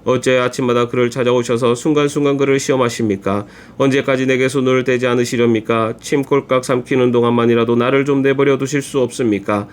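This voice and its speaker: Man reading scripture aloud, measured. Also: mid-range voice, fairly even intonation. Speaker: church Bible reader.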